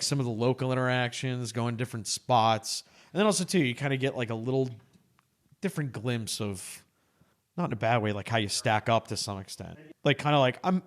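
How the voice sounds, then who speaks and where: A man hosting a casual group chat about amateur sport, recorded inside a wooden cabin. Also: mid-range voice. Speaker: podcast host.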